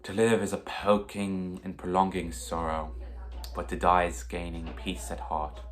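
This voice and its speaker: A man's voice: low voice, level tone, a little slow, soft background music. A man playing a brooding, vengeful young prince Hamlet with melodramatic, declamatory delivery in archaic English. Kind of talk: theatrical mock-Shakespearean monologue.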